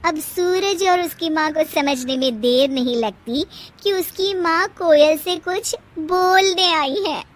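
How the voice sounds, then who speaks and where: A woman narrating a cartoon story in a lively storytelling manner. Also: very high-pitched, takes it slowly.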